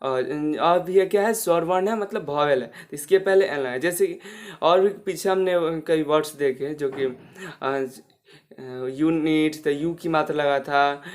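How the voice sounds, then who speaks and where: A man teaching an English grammar class, speaking with a Hindi accent. He poses a question and answers it himself, and he repeats the key words. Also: on the high side.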